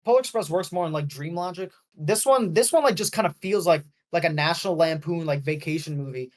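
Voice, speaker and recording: Fairly quick and on the high side, this man's voice carries a casual podcast conversation about a movie. As co-host he rambles, uses lots of fillers, and repeatedly restarts to self-correct.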